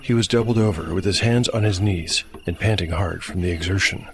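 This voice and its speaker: A deep-voiced man serves as host and game master for a fantasy audio drama, narrating in a scripted storytelling style over a clear music bed. He speaks a little fast.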